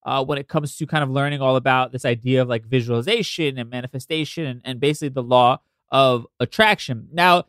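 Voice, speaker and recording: Stuffed up from allergies, a male podcast host speaks nasally and casually, with swearing and side comments. His mid-range voice moves a little fast and sounds fairly bright, clear, and resonant. The recording is dry and studio quality.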